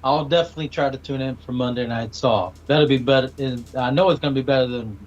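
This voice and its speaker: A man chiming in on a podcast with low-key, brief remarks. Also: fast talker, highs cut off. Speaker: podcast guest. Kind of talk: casual chat.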